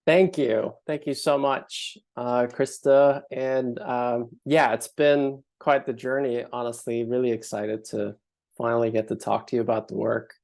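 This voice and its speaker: A man from Finland, giving a thoughtful artist talk with frequent pauses and fillers. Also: medium pitch, little pitch movement, gravelly, darkish tone. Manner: thoughtful, hesitant with many fillers.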